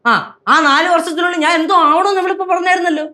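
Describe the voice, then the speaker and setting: An actor playing a boastful, stubborn young husband in a TV sitcom, argumentative in manner. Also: male voice, very fast, heavily acted. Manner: boastful, argumentative, lively swings of pitch. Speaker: sitcom character. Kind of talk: TV sitcom acting.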